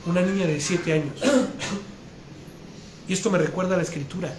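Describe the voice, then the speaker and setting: During a sermon in a congregation hall, a male preacher shares a heartfelt personal testimony, telling it earnestly with frequent restarts. His voice is high-pitched, steady in tone and fairly quick. The room is echoey with faint noise.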